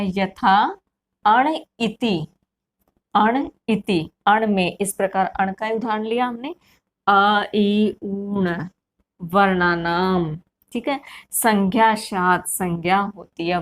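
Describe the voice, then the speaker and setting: Female grammar teacher, exam-prep lesson; repeats terms, sounds them out slowly, answers her own questions. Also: medium pitch.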